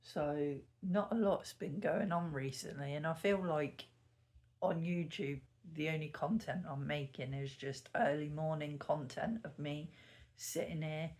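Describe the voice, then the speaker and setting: Early in the morning, a YouTuber sits indoors at home and chats casually to the camera mic, rambling and correcting himself, a little sniffly. His mid-range voice is steady, unhurried and somewhat dark.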